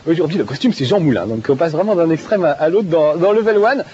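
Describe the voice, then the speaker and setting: A man's voice: on the high side, expressive, fast talker, mellow, a little hiss or hum. A male TV video game show host who chats enthusiastically and laughs often while playing a game, with many fillers. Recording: dull TV broadcast audio with faint music.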